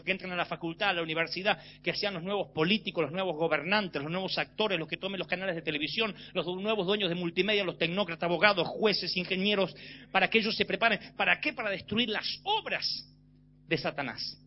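A man preaching a sermon to a church congregation, pressing his points with emphatic, rising declarations. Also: high voice. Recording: slightly dull with faint hum.

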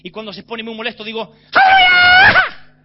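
Male preacher, high register, forceful sermon delivery, muffled lo-fi sound with a light hum. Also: lively intonation, fairly quick. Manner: emphatic, rising to shouts. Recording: slightly dull with faint hum.

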